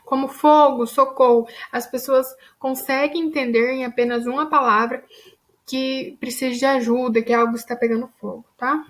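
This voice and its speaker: A woman's voice: sits high, steady tone, moderate pace. A woman teaching a grammar lesson, explaining patiently and checking in with her students after each point.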